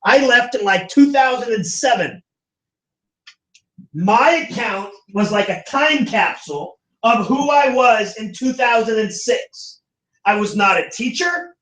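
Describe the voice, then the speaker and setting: A man from the United States teaching a class, animated and acting out the voices he quotes. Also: very high voice, a little slow. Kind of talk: classroom lecture. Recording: echoey classroom from far off.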